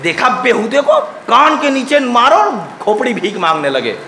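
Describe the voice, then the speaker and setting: A man with an Indian Urdu accent delivering a Muharram majlis sermon in a mosque, asking rhetorical questions and moving between soft passages and shouted peaks. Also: extremely high pitch, sing-song, normal speed, slight background noise. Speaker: Shia preacher. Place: mosque hall. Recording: echoey hall with long reverb.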